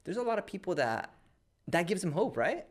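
A man's voice: sits high, very animated, brisk. A man co-hosting a podcast in laid-back casual chat, often saying "bro". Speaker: podcast co-host.

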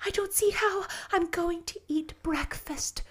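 A woman reading a storybook as an excitable, gushing young girl who exclaims with romantic gratitude. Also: very high voice, unhurried, pitched above the performer's own voice. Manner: effusive, rapturous exclamations. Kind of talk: storybook narration character voice.

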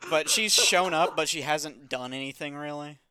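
A man's voice: a little high, normal speed, sharp tone. A man hosting a podcast, casually recapping a comic in a wry, dismissive way. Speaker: podcast host.

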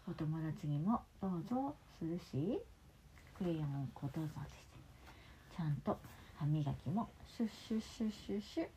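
A woman reading a picture book aloud to her child at home, animated and stopping to talk with the child. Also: sits low, brisk. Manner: animated, talks with the child between pages. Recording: muffled lo-fi with faint hiss.

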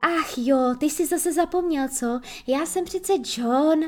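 A woman's voice: high-pitched, soft background music, pitched above the performer's own voice, natural voice. A woman voicing a sensible older boy who patiently chides. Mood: chiding.

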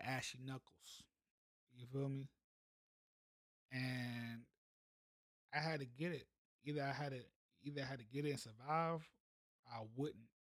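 A man's voice: medium pitch, no room sound. A man, telling a motivational story in a casual, slangy way as a podcast host. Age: 30s. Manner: laid-back, conversational, slangy.

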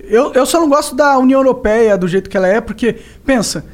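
A man's voice: very high voice, lively intonation, quick pace. A man co-hosting a podcast, chatting casually, slangy and opinionated. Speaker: podcast co-host. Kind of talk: casual chat.

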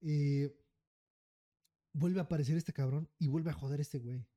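A podcast co-host speaks at normal speed in a voice on the high side, with a Mexican accent. Telling a story in easygoing podcast banter, he curses freely, drops "güey" into nearly every phrase, and animatedly acts out the story's people.

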